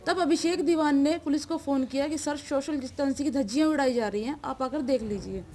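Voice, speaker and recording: A woman's voice: high-pitched, a little fast, darkish tone. A woman in a news interview giving an urgent, aggrieved account, often calling the interviewer sir. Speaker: interviewee, victim's sister.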